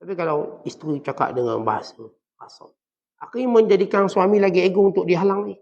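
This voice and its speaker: A man with a Malaysian Malay accent preaching to a congregation, often acting out the quoted speakers in soft and in harsh voices. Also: sits high, quick pace, gravelly. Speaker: religious teacher. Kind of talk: sermon. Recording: dull lo-fi recording.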